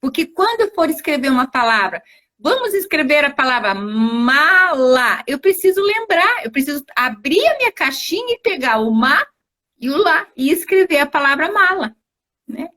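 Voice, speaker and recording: Speaking at a normal pace, this woman has a high, very animated voice that sounds pushed and bright. As an invited guest teacher on a live-streamed video call, she answers interview questions didactically, spelling out step-by-step examples and often adding tag questions.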